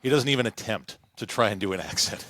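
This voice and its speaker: A man's voice: on the low side, fast, bright, forceful tone, no echo. Man reading scripture in a dry booth. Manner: reads scripture aloud, tells light anecdotes. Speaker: podcast co-host. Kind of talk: casual Bible discussion and scripture reading.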